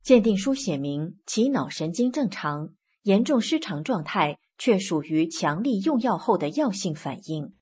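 A woman reading scripted news reports in a steady, formal manner. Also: mid-range voice, a little slow, hardly any pauses, husky. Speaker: news reader.

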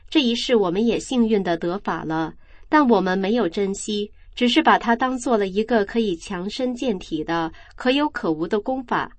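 A woman reading a first-person account aloud in a calm, measured storytelling voice. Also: medium pitch, dry recording.

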